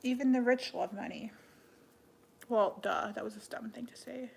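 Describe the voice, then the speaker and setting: A young woman chatting casually on a live stream, answering viewers in an offhand way with many "like" fillers and soft, half-whispered asides. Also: a little high, normal speed, vocal fry, husky. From Canada. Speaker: livestreamer.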